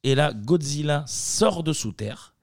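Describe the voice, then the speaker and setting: A man hosting a podcast, recapping a film in an animated, sarcastic way. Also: on the high side, takes it slowly, dry recording, studio quality. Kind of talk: casual chat.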